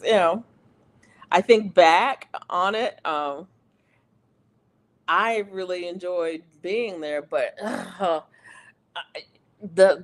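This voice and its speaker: A livestream host chatting casually and rambling, with many restarts and fillers, who gets animated when venting. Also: medium pitch.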